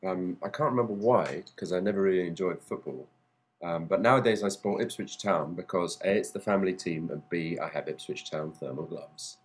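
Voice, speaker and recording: A man's voice: low voice, brisk. A man hosting a casual chat show in a dry, self-deprecating way. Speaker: host.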